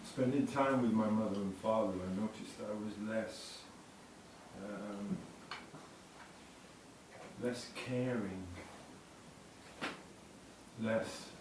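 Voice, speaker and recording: A man's voice: on the low side, slow, pauses often, background noise. A man hesitantly asking a question at a satsang, searching for words as he speaks. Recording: echoey, distant, no mic.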